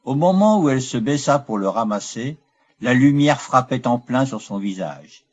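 A man reading a classic novel aloud as an audiobook, in measured, even narration. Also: mid-range voice. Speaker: audiobook reader. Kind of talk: scripted narration.

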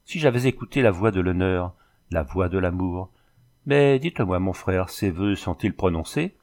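A man's voice: low-pitched, expressive, moderate pace, darkish tone. A man reading the lines of an impassioned young French engineer, exclaiming with grief and emotion. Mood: remorseful.

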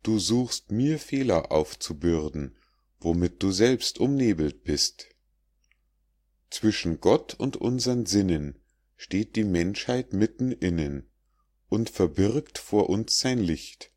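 A man's voice: low voice, expressive, takes it slowly, darkish tone, heavily acted. Man voicing a stern solemn sun god.

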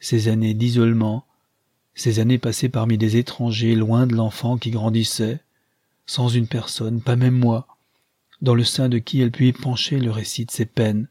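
A man's voice: mid-range voice, level tone, mellow, slightly rough, no room sound, studio quality, natural voice. A man voicing a sorrowful old uncle. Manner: sorrowful, measured.

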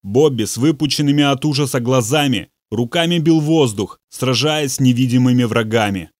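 A man narrating an audiobook in a measured, steady storytelling voice. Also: medium pitch, no room sound, clean studio sound. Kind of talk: audiobook reading.

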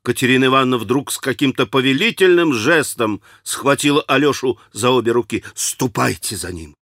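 A male audiobook narrator reads classic fiction in a measured, expressive manner. His voice sits in an ordinary middle range. It is recorded close on a studio mic with no room sound. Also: mid-range voice, no room sound.

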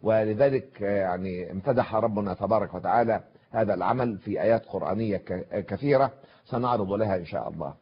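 An older man speaks in a low, husky voice, delivering a formal religious lecture to viewers. He recites verses carefully and pauses with long drawn-out fillers between thoughts. The sound is dull and lo-fi, like an old broadcast. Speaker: scholar giving a televised Quran commentary.

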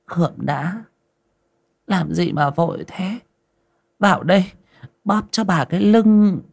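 A man's voice: high voice, expressive, unhurried, gravelly, breathy edge, pitched above the performer's own voice, heavily acted. A man doing a sweetly bossy lady of the house. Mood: coaxing. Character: sly seductive lady of the house, commanding.

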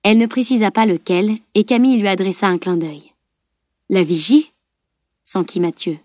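A woman reading a novel aloud as audiobook narrator, calm and even. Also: medium pitch, a little fast, no room sound, studio quality. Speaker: audiobook reader. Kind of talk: scripted narration.

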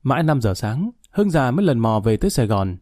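A man narrating a story aloud in a steady, measured reading. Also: mid-range voice, dry recording, studio quality. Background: faint music.

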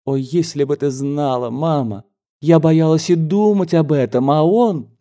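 A man voicing an excited young woman who gushes breathlessly about being newly engaged. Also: on the high side, measured pace, pitched above the performer's own voice, natural voice. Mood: elated. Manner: gushing, breathless with joy.

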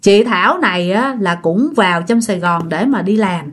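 A woman with a mid-range voice and a Southern Vietnamese accent narrates ghost stories at a normal speed. As a storyteller she is chatty and casual, speaking straight to her listeners.

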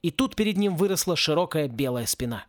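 A man reading a satirical fantasy audiobook in an expressive, lightly ironic narration. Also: a little high, brisk, noisy background. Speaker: audiobook reader.

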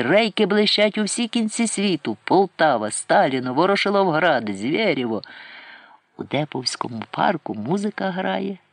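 A man's voice: sits high, a bit bright, no room sound, pitched above the performer's own voice, exaggerated voice. A man voicing a cocky, theatrical young male soldier who talks in a showy, playfully pompous way. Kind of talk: audiobook character reading.

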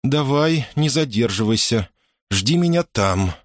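A man's voice: mid-range voice, expressive, a little slow, no room sound, natural voice. A determined, fierce mother in an audiobook, as a male reader puts her on. She talks curtly and firmly, in a somewhat raised voice. Dry, close recording. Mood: quiet firm. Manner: curt and firm. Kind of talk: audiobook character reading.

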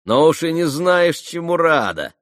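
A man's voice: mid-range voice, lively intonation, a little slow, dry recording, clean studio sound, voice pushed up, lightly acted. A man reading an audiobook, voicing a sardonic young man who speaks bluntly and mockingly. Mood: sneering. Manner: sneering, blunt. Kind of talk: audiobook character voice.

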